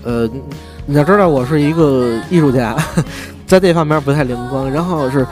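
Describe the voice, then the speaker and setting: A man's voice: a little high, normal speed, music in the background. A man with a Beijing accent telling a long personal story in casual monologue, acting out the dialogue in a chatty, wry way. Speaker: podcast host.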